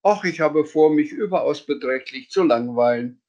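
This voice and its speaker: A man voicing the Sams, a cheeky childlike creature who speaks in rhymes, in a high sing-song voice. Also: moderate pace, a little mellow, highs cut off, natural voice. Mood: frech. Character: frecher, kindlicher Sams, reimt ständig.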